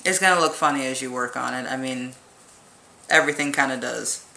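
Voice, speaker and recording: A woman giving a casual crochet tutorial with self-deprecating asides, with sharp sibilant S's and a faint whistle from her nose. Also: rumbling low, brisk, creaky. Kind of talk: casual hands-on tutorial chat.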